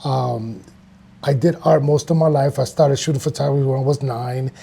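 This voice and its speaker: A man's voice: medium pitch, steady tone, moderate pace, vocal fry, mellow, slightly rough. A man in his fifties from Puerto Rico, an artist and studio co-owner talking casually in an interview, hesitant with many fillers.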